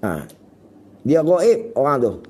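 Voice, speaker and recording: A male religious teacher teaches in a mosque lecture hall. His tone is dark and mellow, and his pitch sits in the middle. He tells stories, rising for emphasis and dropping into quiet asides. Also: huge pitch swings, slow, husky. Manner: storytelling, swinging between loud and quiet asides. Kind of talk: kitab study lecture.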